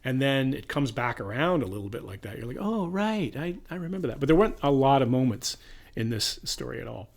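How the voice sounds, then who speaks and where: Man, podcast co-host, fast, casual, rambling, animated retellings. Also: medium pitch, vocal fry. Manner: rambling, restarts, animated when retelling scenes. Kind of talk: casual review chat.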